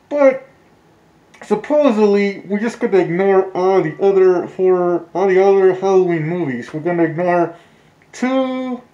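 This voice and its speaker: A man's voice: high voice, warm tone. A man speaking through a face mask, muffled, chatting casually and rambling as a vlogger, with some swearing. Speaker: vlogger reviewing film trailers. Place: small indoor room with blinds. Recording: dull, muffled, roomy home recording.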